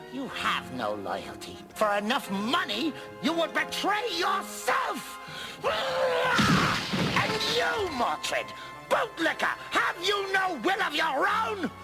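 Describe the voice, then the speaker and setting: A screaming cartoon villain knight. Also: male voice, very high-pitched, heavily acted. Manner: shouting, enraged, always yelling. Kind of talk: 1980s cartoon voice acting. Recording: cartoon clip with music behind.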